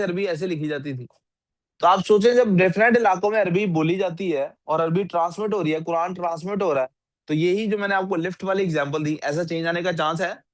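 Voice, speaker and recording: A man's voice: high-pitched, dry recording. A male teacher giving a classroom lecture and often asking his students questions. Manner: asks the class frequent questions, scolds sleepy students.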